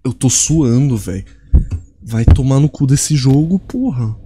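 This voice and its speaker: A man's voice: medium pitch, lively intonation, unhurried, background noise. Swearing guy, shaken gamer. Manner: swears constantly, exasperated. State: sweaty and shaken. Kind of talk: horror game commentary.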